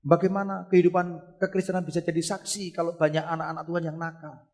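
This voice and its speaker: A middle-aged man preaching a sermon at a church service, swinging between loud fervent exclamations and quiet storytelling. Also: a little high, level tone, fast. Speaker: pastor.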